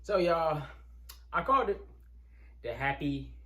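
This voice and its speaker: A man's voice: a little high, expressive, a little slow, fairly bright tone. Man, co-host, laid-back, repeats words, casual chat. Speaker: co-host of a wrestling reaction channel.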